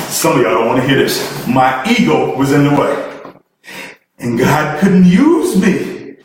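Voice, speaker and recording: A man's voice: medium pitch, sing-song, extremely slow, pauses often. A man giving a preachy motivational seminar talk, fervent and repetitive, building in intensity and laughing through his words. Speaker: motivational speaker. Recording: very echoey room, far from the mic, faint noise.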